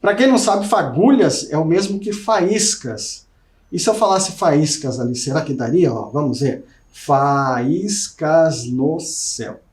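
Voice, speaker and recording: A man's voice: fairly high pitch, expressive, moderate pace, a little mellow, echoey room. A Brazilian man teaching a recorded video lesson, explaining to students and often checking in with them. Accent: Brazilian Portuguese. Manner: explanatory, addresses students directly with frequent "né?".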